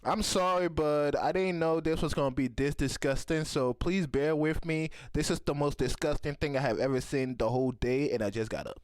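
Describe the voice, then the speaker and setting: A man's voice: on the high side, normal speed, few pauses, clear, resonant tone. Rambling, cursing man reacting on camera. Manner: rambling, profane, joking. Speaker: reaction video host. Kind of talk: casual reaction commentary.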